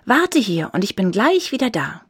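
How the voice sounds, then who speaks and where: A woman's voice: medium pitch, big pitch swings, normal speed, slightly rough, dry recording. A woman voicing a kind, eager little girl in a children's story.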